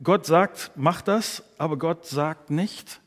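A man's voice: a little high, takes it slowly. A man preaching a sermon, earnest, speaking directly to his listeners. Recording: long hall reverb.

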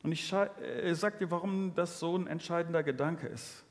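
A man's voice: fairly high pitch, moderate pace. A man preaching a sermon, earnest and speaking straight to his listeners. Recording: long reverb of a large hall.

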